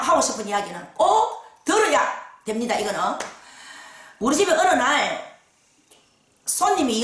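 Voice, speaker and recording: High-voiced Gyeongsang fortune teller woman. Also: distant mic, a little hiss or hum. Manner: lively dialect storytelling, frequent fillers. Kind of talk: storytelling case account. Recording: very echoey room.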